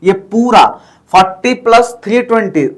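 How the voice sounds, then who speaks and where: High-voiced man teaching chemistry. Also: moderate pace. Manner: explains step by step, often checks in with "ठीक है". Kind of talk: classroom lecture.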